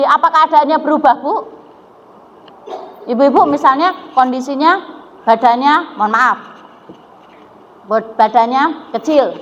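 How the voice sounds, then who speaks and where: A woman's voice: high-pitched, a bit bright. A woman with a Javanese accent giving a religious lecture to women, telling stories and asking the audience questions. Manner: storytelling, asks the audience questions, mixes in Javanese. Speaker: preacher. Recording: dull echoey hall recording with faint noise.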